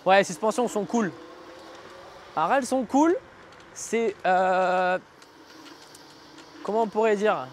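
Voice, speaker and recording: A high-pitched male vlogger talks off the cuff as he rides outside. His delivery is informal and slangy, as he thinks out loud. There is faint vehicle and outdoor noise behind him. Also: slow pace, pauses often. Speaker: vlogger reviewing an electric scooter. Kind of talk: casual spoken vlog commentary while riding. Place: outdoors, riding on city roads.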